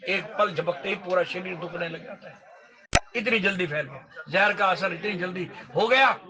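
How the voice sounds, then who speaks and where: A man giving a devotional storytelling sermon, chanting verses slowly and explaining them in lively speech. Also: sits high. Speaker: Ram Katha storyteller.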